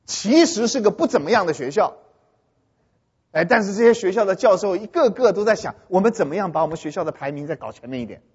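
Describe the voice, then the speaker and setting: A man giving a humorous talk to an audience, animated and often stopping to ask whether his listeners have understood. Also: sits high, fast talker, husky. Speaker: speaker addressing an audience. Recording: dull long-reverb hall recording.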